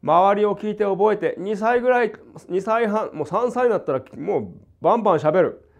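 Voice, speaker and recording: An older man from Hokkaido with a light Hokkaido accent, teaching jazz guitar in a casual, animated way and acting out rhythms and quoted voices. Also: high-pitched, normal speed, gravelly. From Hokkaido, Japan. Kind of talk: casual spoken lesson. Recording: dull lo-fi recording.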